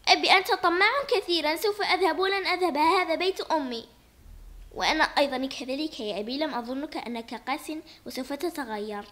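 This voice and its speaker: High, loud, defiant daughter for a toy doll play, voiced by a woman. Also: fast. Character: stubborn grieving young daughter, defiant.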